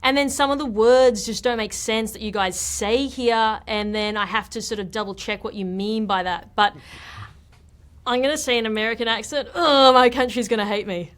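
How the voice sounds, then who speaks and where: Chatty Australian woman, high voice. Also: moderate pace, smooth. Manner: chatty and direct, leans on "look" and "like". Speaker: podcast guest. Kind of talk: casual interview chat.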